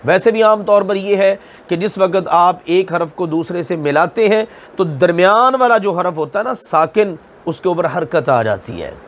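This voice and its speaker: A man teaching a Quran recitation class, explaining slowly and deliberately, asking and then answering his own questions, and drawing out recited examples syllable by syllable. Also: sits high, lively intonation. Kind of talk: recorded tajweed lesson.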